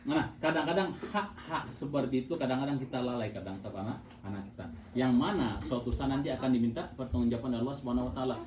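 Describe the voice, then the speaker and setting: A woman giving an informal religious talk to mothers, lively and laughing, often asking her listeners questions. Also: rumbling low, fast, hardly any pauses, a little hiss or hum. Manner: lively, asks the audience often, frequent laughs. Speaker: religious speaker. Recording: echoey room, voice from far off, crowd behind.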